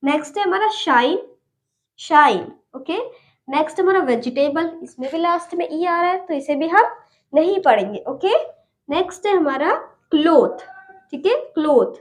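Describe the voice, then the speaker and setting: A woman's voice: high-pitched, expressive, normal speed. A woman teaching an English lesson online, patiently repeating each word and closing every point with "okay".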